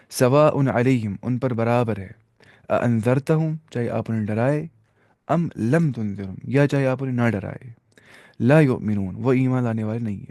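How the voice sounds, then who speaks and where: A man explains Arabic grammar rules, slipping English terms into his talk and reading Arabic examples slowly. His voice is warm and mellow, with conversational fillers. The sound is dry and close, with no room around it. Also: medium pitch, no room sound. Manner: conversational, with fillers and self-corrections. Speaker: Arabic teacher.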